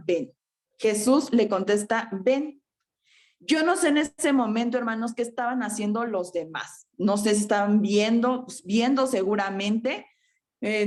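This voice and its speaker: A woman preaching a sermon to her congregation, often tagging her points with a questioning "verdad" and "ajá" and calling her listeners brothers and sisters. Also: on the high side. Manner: frequent rhetorical "¿verdad?" and "ajá"; addresses congregation as hermanos.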